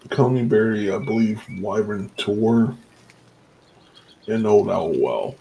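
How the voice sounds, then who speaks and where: Male game master, low nasal congested voice, creaky, hesitant casual narration, noisy recording. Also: takes it slowly, dark tone. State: congested from pollen allergy.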